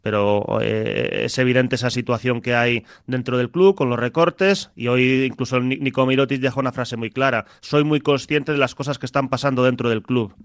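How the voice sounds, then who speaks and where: A man giving his view in a radio sports debate, measured and reflective, often hesitating before he goes on. His voice is smooth and resonant. It is recorded close and dry. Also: mid-range voice, expressive, no room sound. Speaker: sports pundit.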